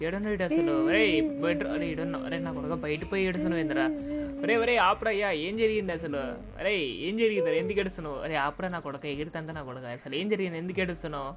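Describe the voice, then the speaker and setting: A woman voicing an exasperated young man who scolds and shouts at a kid, in a game dub. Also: fairly low pitch, lively intonation, racing, lightly acted. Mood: shouting. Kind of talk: game dub role-play.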